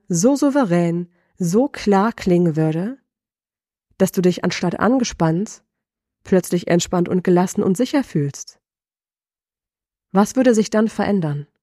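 A middle-aged woman voice coach giving a lesson, asking the listener slow, deliberate reflective questions. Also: on the low side, dark tone, no echo, studio quality.

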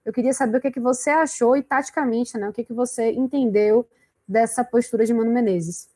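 A woman's voice: a little high, steady tone, brisk, mellow. A woman hosting a football talk show, chatting and handing questions to her co-hosts. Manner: conversational, asks guests for analysis. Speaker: show host.

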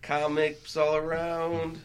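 A man's voice: fairly high pitch, monotone, slow, smooth. A man hosting a comics podcast, laughing and joking with his friends. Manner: laughing, goofy banter. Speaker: podcast host. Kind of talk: casual chat.

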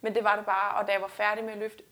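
Speaking in a flat, medium-pitched and slightly bright voice, a guest weightlifter reflects earnestly during a casual interview, frequently starting her sentences over.

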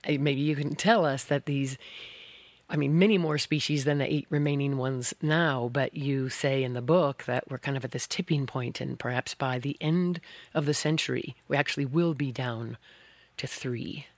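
A woman's voice: extremely low pitch, normal speed, no echo. A woman with an American accent hosting a radio science show, reading introductions and interviewing a guest.

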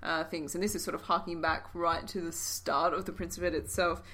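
A woman's voice: on the low side, steady tone, fairly quick, pushed and bright. A woman co-hosting a casual history podcast, talking in a playful, dryly humorous way. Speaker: podcast co-host.

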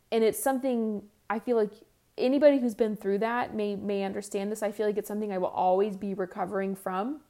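Answering listener questions on her solo podcast, a woman in her thirties has a medium-pitched, dark-toned voice. Her manner is candid and chatty, marked by frequent restarts and self-deprecating comments.

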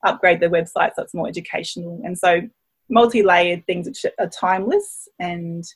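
A woman's voice: lowish voice, moderate pace, husky. An Australian woman in her thirties, a podcast guest chatting casually and enthusiastically, laughing often. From Brisbane, Australia. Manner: enthusiastic, laughs often, thinks aloud with fillers. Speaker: guest, permaculture designer.

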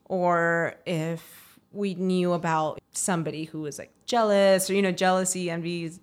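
A woman from Miami co-hosting a casual chat, relaxed and chatty, dropping in Spanish words. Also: lowish voice, a little slow, clear, resonant tone. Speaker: podcast co-host.

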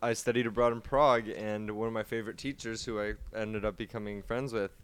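A man's voice: lowish voice, steady tone, quick pace, clear, resonant tone. A young adult man co-hosting a casual chat, teasing and making crude jokes with some impatience. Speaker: co-host.

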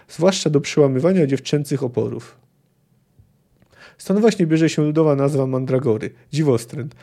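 A merry, tipsy bard chatters and spins bawdy tales, as a man reads him aloud. The voice is slightly high and soft in tone. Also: creaky. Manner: chatty, bawdy, tale-spinning.

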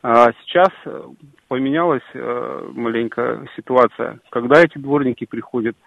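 A man's voice: medium pitch, normal speed, vocal fry, no room sound. A man calling in to a radio show over the phone, giving his opinion hesitantly with many fillers and restarts. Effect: heard over a phone line. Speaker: radio call-in listener. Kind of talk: casual call-in opinion. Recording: muffled phone line, dry.

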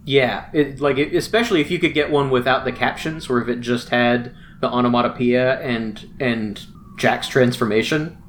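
A man's voice: mid-range voice, fairly even intonation, moderate pace, a bit bright, a little hiss or hum. A man co-hosting a comic book podcast, chatting casually and often restarting his sentences. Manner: chatty, with frequent restarts and many "mm-hmm"s. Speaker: podcast co-host. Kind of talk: casual chat about comics.

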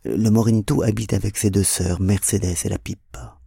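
A man's voice: on the low side, steady tone, moderate pace, gravelly, warm tone, husky, dry recording, studio quality. A man doing a proud, mocking young woman. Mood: defiant. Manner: mocking, defiant. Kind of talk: audiobook reading.

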